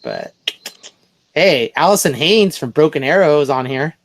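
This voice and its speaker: Guy hosting a podcast, talks slow, kinda mumbles thru a list. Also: on the high side, expressive, poor audio. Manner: slow, thinking aloud while reading a list. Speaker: podcast host. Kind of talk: casual chat.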